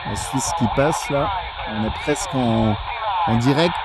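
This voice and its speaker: Heavy background noise surrounds this man's medium-pitched, measured voice. Speaking into a handheld radio mic on a mountain at night, he's a ham radio operator in casual conversation, friendly and talkative, signing off politely.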